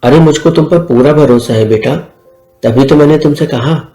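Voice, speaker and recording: A man's voice: fairly high pitch, moderate pace, warm tone, lightly acted. A man voicing an open-minded middle-aged mother who gives her daughter reassuring advice, in an echoey room with faint music. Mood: advising. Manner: reassuring, lecturing.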